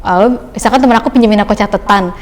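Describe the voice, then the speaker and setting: A young woman recalls her own life story for a podcast in a relaxed, chatty flow. Her phrases run on loosely with plenty of fillers. Her voice sits in a middle pitch, and a long reverb trails behind each word. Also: very fast. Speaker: podcast guest. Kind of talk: casual personal testimony.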